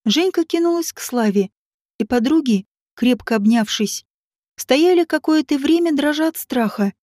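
A woman narrating an audiobook in a measured, expressive reading style. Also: high voice, dry recording, clean studio sound. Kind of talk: scripted narration.

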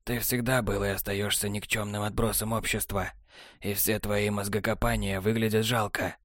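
A man voicing a cold, scornful male traitor, speaking low and hushed with open contempt. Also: level tone, normal speed, no echo, studio quality, natural voice. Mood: contemptuous. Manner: low, hushed, sneering delivery.

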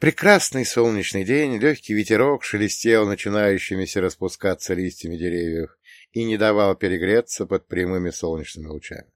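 A man reads a first-person audiobook with a wry, ironic touch. His voice sits on the low side. The recording is close and dry, with no room sound. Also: a little fast, dry recording. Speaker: audiobook narrator. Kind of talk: scripted first-person narration.

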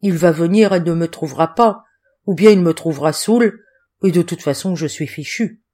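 A woman voicing a hungover, grumbling middle-aged male roadman who whines and complains loudly in an audiobook. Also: fairly low pitch, normal speed, close to an everyday voice. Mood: grumbling, complaining. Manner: whining, complaining, loud.

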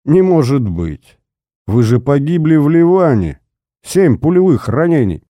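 A man's voice: medium pitch, very animated, a little slow, warm tone, no room sound, studio quality. A man voicing a prim, flustered retired secret-service officer in his old age who ends up pleading. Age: older. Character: old retired male spy officer, prim then frightened.

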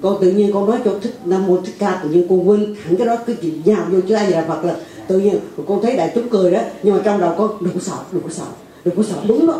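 Rapid, rambling questioner from far off. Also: medium pitch, warm tone. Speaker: retreat attendee asking a question. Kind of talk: question to the teacher. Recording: echoey hall, from far off.

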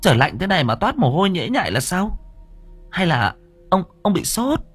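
A man voicing an old wife who fusses and scolds her husband with care, in a high nagging voice, in an audio story. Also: big pitch swings, moderate pace, breathy edge, faint music behind, exaggerated voice. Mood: fussing. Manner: high-pitched nagging chatter. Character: old wife, fussy and scolding but caring.

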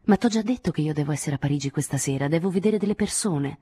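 Woman doing a young guy who's fed up, curt and reproachful, husky. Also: deep voice, fast, warm tone, no echo. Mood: impatient. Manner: curt, impatient. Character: young man, impatient, reproachful lover. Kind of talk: audiobook reading.

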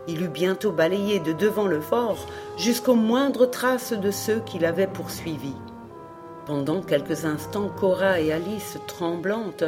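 A woman reading a classic adventure novel aloud as an audiobook narrator, with expressive storytelling. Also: medium pitch. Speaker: audiobook reader.

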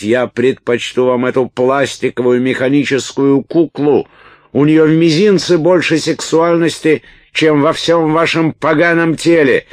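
A male reader voicing a prudish, awkward man who shouts in indignation. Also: a bass voice, no room sound, clean studio sound. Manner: awkward, then shouting in outrage. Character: flustered, prudish man, easily outraged.

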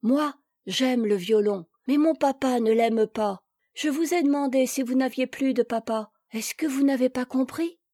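A woman's voice: high-pitched, normal speed, mellow, no echo, studio quality. A woman reader voicing a kind, chattering little rich girl in a storybook. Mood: eager.

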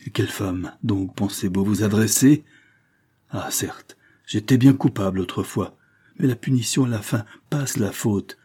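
A man's voice: on the low side, moderate pace, few pauses, dark tone, husky. A man reading the lines of an indignant, desperate woman of means in an impassioned, pleading way.

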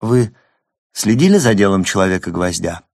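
Tense young woman asking pointed questions quietly , read by a man in his own low voice, dry close sound. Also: big pitch swings, moderate pace, vocal fry, no echo, exaggerated voice.

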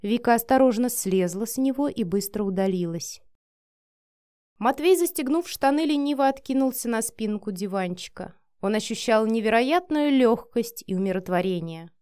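A woman narrating an erotic audiobook in a soft, sensual, measured voice. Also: a little high, animated, smooth, no echo, studio quality. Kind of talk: reading an erotic story aloud.

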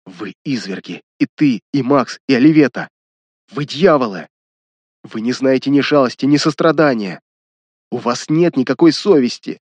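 A man's voice: medium pitch, moderate pace, dry recording, lightly acted. A man reading as a defiant young woman. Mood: furious. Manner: pleading, indignant, defiant. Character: desperate young woman defying her brothers.

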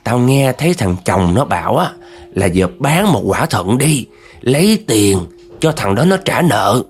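A man's voice: mid-range voice, very animated, a little slow, voice pushed up. A man voicing a drunken male spirit that possesses a woman, speaking in a slurred, drawling, gloating way.

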